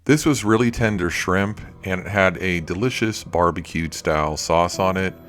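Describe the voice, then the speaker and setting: A man's voice: low-pitched, normal speed, fairly bright tone. A man narrating a food review vlog as a voice-over in a plain-spoken, itemizing way. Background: music.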